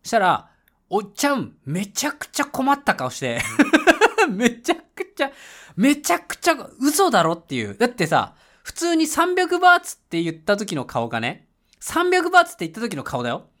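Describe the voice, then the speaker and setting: A man host telling a casual travel story, laughing often and breaking into loud English shouts when he reenacts moments. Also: very high-pitched, wildly swooping pitch, normal speed. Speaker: podcast host. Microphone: home mic voice message.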